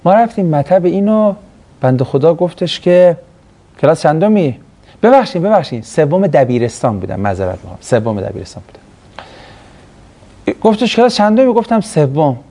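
Middle-aged male teacher, mellow voice, lively storytelling, classroom lecture. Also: a little high. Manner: animated storytelling, acts out quoted voices, laughs. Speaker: teacher of Islamic studies class.

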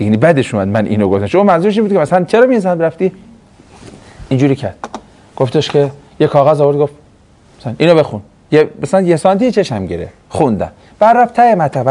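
A middle-aged man lecturing a classroom. His pitch swings widely as he tells stories and acts them out. His voice is dark and mellow, set a little above the usual male register. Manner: animated storytelling, acts out quoted voices, laughs. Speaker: teacher of Islamic studies class.

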